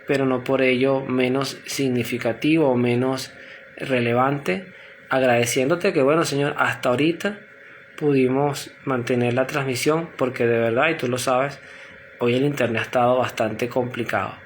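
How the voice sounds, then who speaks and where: A man leading a spoken prayer and reflection, earnest and unhurried, speaking directly to God. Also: mid-range voice, fairly even intonation, slight background noise. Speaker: prayer leader.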